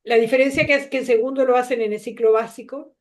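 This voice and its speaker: A woman's voice: a little high, fairly even intonation, fast. A middle-aged woman from Uruguay with a Uruguayan accent, a teacher educator speaking thoughtfully in a workshop discussion over a video call. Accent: Uruguayan Spanish. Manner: thoughtful, uses filler "este".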